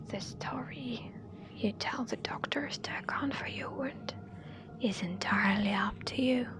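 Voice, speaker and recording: A woman softly whispering a scary story in an ASMR style, with a hushed, deliberate delivery. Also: fairly high pitch.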